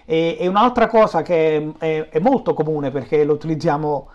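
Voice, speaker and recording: A man from Naples, Italy, with a Neapolitan accent explains language in an informal interview, teaching through examples. His voice is fairly high and his pace normal, and the highs are cut off.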